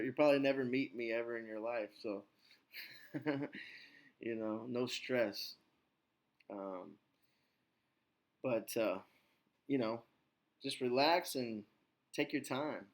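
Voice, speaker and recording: A man hosting his podcast as an English teacher, talking in a relaxed, reassuring, rambling way. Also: medium pitch. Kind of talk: casual chat.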